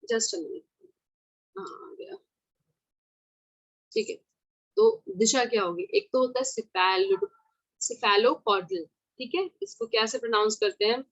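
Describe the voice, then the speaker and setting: A woman teaching an informal exam-prep lesson, mixing Hindi with English terms and slowly spelling words out. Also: fairly high pitch, a bit bright, dry recording, low-quality recording. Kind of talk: online exam-prep lecture.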